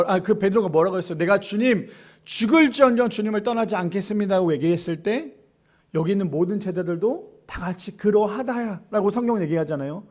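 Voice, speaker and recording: A male pastor preaching a sermon in a small church, acting out scripture dialogue as he goes. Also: high-pitched. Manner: animated preaching, acting out Bible dialogue in quoted voices.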